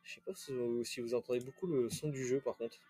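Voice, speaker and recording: A man's voice: medium pitch, fairly quick, mellow, faint music behind. A young man casually commenting as he plays a video game on stream, loose and chatty, swearing now and then. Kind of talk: casual let's-play commentary.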